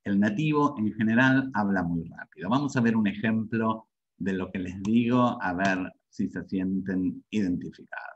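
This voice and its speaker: A man presents a webinar lecture in a low, husky voice, often checking that his listeners follow. The sound is dull and lo-fi. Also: normal speed. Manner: repetitive, checks in with the audience often. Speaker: English-learning webinar presenter.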